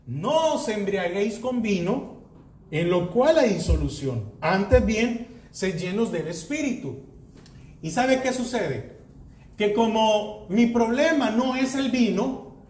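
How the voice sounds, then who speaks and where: A man's voice: high-pitched, roomy sound. A man pastor preaching a sermon, reading verses aloud and asking the congregation rhetorical questions.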